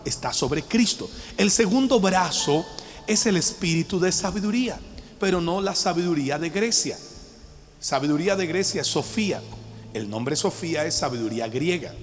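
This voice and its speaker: A man's voice: fairly high pitch, lively intonation, normal speed. Emphatic male pastor in a reverberant hall. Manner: emphatic, calls on the congregation to respond. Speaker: pastor teaching a Bible study. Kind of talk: sermon-style Bible teaching. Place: church hall with a live audience. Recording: long hall reverb with faint background music.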